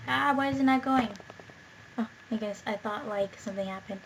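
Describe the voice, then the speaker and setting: A woman with a fairly high voice reads a romance game aloud, then drifts into giggly, self-mocking asides. She sounds tired, and the talk is loose and casual. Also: fairly quick, a little hiss or hum, poor audio. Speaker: let's play host. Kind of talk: casual let's play commentary and reading aloud.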